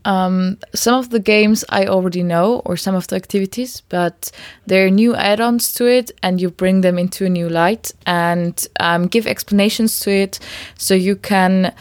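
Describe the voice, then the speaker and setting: A woman's voice: mid-range voice, steady tone, normal speed. A woman from Austria, a youth worker, giving thoughtful interview answers. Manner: thoughtful, starts with um.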